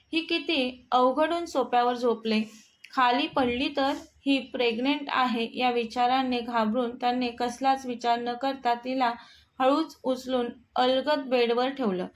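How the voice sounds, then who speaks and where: Woman reading a love story aloud, high voice, steady. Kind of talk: storybook narration.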